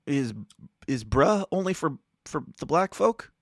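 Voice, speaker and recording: A man's voice: fairly high pitch, big pitch swings, unhurried, no room sound, clean studio sound. A man co-hosting a casual news podcast, joking and laughing often through the banter. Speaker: podcast co-host.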